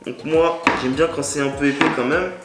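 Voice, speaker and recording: A man's voice: fairly high pitch, fairly even intonation, a little fast. A man hosting a casual cooking vlog, chatty and joking, talking straight to the viewer in slangy speech. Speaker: cooking video host. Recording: echoey room with loud background music. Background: loud background music.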